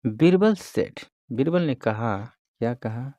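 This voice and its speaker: Slow, deliberate male teacher. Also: medium pitch, expressive, dark tone, no echo. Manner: reads English words slowly one at a time, then explains; asks and answers his own questions. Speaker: English teacher. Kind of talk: bilingual grammar lesson reading a story aloud.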